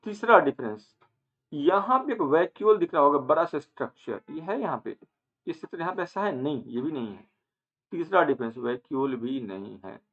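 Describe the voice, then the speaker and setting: A man teaching an online lecture, asking questions and answering them himself, with English terms mixed in and some phrases drawn out slowly. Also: medium pitch. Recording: phone-like narrow band.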